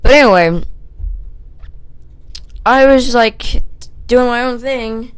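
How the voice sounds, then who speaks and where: A woman's voice: on the high side, takes it slowly, smooth. A young woman telling a rambling, self-mocking story for a casual vlog, full of fillers, with a sore throat. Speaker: vlogger.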